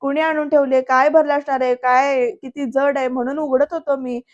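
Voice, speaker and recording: A woman's voice: high-pitched, flat delivery, moderate pace, lo-fi sound, close to an everyday voice. A woman voicing a curious, fussy elderly grandfather in a drama recap, who speaks in a puzzled, questioning way.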